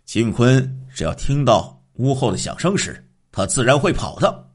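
A man voicing a cruel, jealous husband who scolds his wife gruffly. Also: medium pitch, big pitch swings, a little slow. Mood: menacing.

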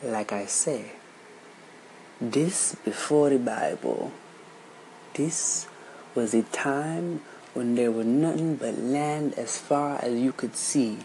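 Guy putting on a gruff old granny, bossy and scolding, slow drawl, faint hum behind. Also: medium pitch, dark tone, poor audio. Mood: stern scolding. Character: stern old Southern grandmother storyteller.

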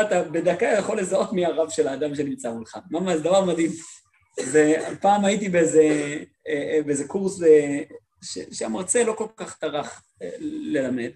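A male rabbi giving a Torah lesson, telling stories lively and acting out the people he quotes, often repeating words for emphasis. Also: sits high, a little hiss or hum. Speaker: rabbi teaching a class.

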